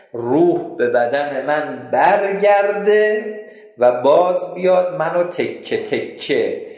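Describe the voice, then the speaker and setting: A man voicing a tormented, damned man confessing his punishment in a slow, dragging way. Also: medium pitch, a little mellow, reverberant, natural voice.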